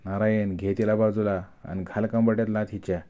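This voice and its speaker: A man voicing a harsh, bullying male police officer who barks orders in a gruff tone. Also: fairly low pitch, level tone, brisk, mellow, lightly acted.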